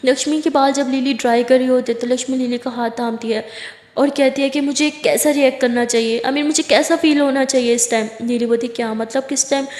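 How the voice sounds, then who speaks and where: A woman narrating a love story in a steady storytelling voice, mixing English phrases into her speech. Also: sits high, fairly quick. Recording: echoey room with long reverb.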